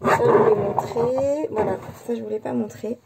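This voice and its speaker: A woman's voice: a little high, moderate pace, creaky, very noisy. A woman casually presenting a handmade scrapbook album, hesitant and full of fillers and restarts. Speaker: scrapbooking channel host. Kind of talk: casual crafting show-and-tell.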